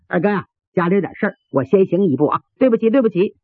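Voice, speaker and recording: A man's voice: high-pitched, animated, fast, no echo. A man doing a sly, falsely polite thief. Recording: tinny phone-like sound, dry.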